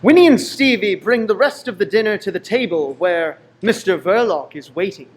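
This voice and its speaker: A man's voice: high voice, lively intonation, moderate pace. A man reading scripted narration for a radio play.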